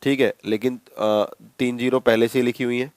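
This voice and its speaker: The recording is dry, capturing a man's steady, mid-range voice, smooth and slightly mellow, at normal speed. He's giving a maths lecture, casually explaining each step again and again while calling his students bhai.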